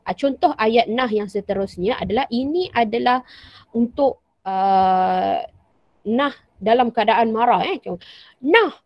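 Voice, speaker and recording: A woman's voice: fairly high pitch, no echo. Malaysian woman teacher, acted example lines. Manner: patient, repeats example sentences with acted intonation. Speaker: primary school teacher. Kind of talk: online class lesson. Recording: dry, dull lo-fi sound.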